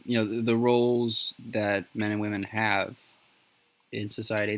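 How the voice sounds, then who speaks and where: A man hosts a casual chat in a slightly low voice. He talks haltingly, stumbling over words and filling pauses. The recording is poor and pops throughout. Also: slight background noise. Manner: halting, many fillers and restarts. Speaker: podcast host. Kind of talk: casual discussion. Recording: poor audio with popping.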